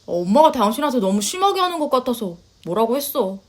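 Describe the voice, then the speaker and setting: A woman's voice: big pitch swings, quick pace, a little mellow. A woman doing a blunt young husband. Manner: blunt, matter-of-fact, lowered voice. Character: young adult Korean husband, blunt and self-assured. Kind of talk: storytelling voice acting.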